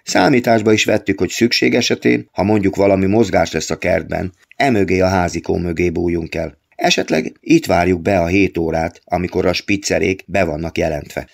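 A man reads his own novel aloud as an audiobook. His voice sits very low and carries a gravelly fry. He tells the story at a steady, even pace. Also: few pauses. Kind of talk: audiobook narration.

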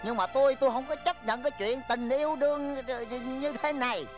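An older man with a Southern Vietnamese accent playing a boastful, stubborn village father in a comedy film, exclaiming loudly. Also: very high voice, fairly quick, over music. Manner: blustery, exclaims loudly, lively swings. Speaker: film actor.

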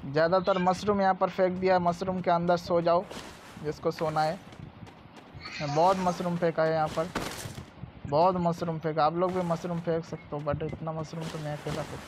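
High-voiced man chatting over game gunfire. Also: little pitch movement, moderate pace. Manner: chatty, pleading, frequent viewer appeals. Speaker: gameplay streamer. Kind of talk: casual gameplay commentary. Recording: noisy gunfire from the game behind.

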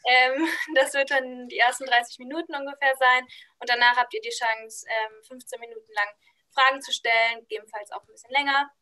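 A woman's voice: sits high, steady tone, brisk, sharp tone. A young woman moderating an online talk on a video call, friendly and easygoing. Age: young adult. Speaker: host, moderator. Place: room at home. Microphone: video call webcam.

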